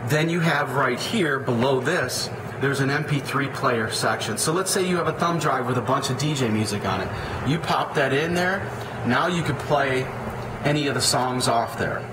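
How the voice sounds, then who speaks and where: In an echoey room with noticeable background noise, an audio equipment installer talks through a product step by step. His mid-range voice moves at a normal speed, and his delivery is unscripted and plain-spoken.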